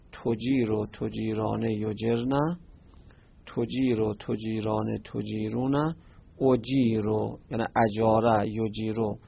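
Male grammar teacher, gravelly and husky, chanting verb forms slowly; muffled lo-fi recording. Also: on the low side. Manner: recites verb forms in slow drawn-out chants. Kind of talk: classroom lesson.

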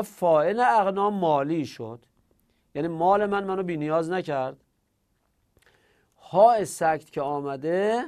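Give me a man with a somewhat high voice giving a grammar lecture, slowly sounding out words as he explains. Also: darkish tone. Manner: explanatory, asks questions and answers them himself; repeats words slowly to demonstrate pronunciation. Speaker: teacher of Quranic recitation and Arabic grammar. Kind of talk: classroom lecture.

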